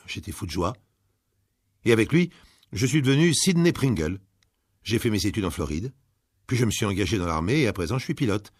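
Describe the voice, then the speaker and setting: A man's voice: low-pitched, husky, no room sound, studio quality. Earnest young man reading his letter home, voiced by the narrator. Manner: plain, steady letter reading. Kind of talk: dramatic audiobook reading.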